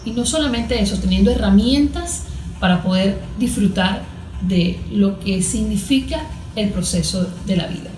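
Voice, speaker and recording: A Venezuelan therapist and coach, a guest in an interview, speaks in a mid-range, slightly mellow voice at a moderate pace, with roomy echo on the recording. She explains things earnestly and didactically, going point by point.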